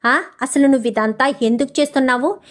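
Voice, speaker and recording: A woman voicing a stern aging father who commands his son to tell the truth, in a soft retelling. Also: sits high, fairly quick, natural voice. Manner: commanding, threatening.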